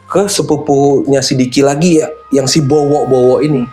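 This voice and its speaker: A man with a mid-range voice tells a true horror story at a moderate pace, with soft music in the background. As the guest storyteller, he's animated and slangy and acts out the different voices.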